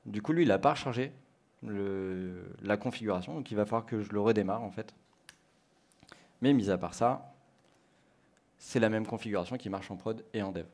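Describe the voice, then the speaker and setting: Man, from France, slightly low voice, live coding demo, conference stage, explains step by step. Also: normal speed, pauses often, a little mellow. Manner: explains step by step, thinking aloud with fillers.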